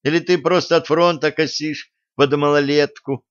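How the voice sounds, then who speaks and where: A man playing a calm young man in a spoken storybook, cool and sarcastic, unhurried and needling. His voice is smooth and clear, with a slightly muffled lo-fi sound. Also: fairly high pitch, no room sound, pitched above the performer's own voice, natural voice. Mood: mocking.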